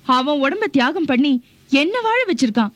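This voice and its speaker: A woman's voice: high-pitched, very animated, normal speed, fairly bright tone, dry recording. An actress playing a scheming woman's spirit who taunts and bosses others around. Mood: taunting. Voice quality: taunting, bossy. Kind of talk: comedy TV serial acting.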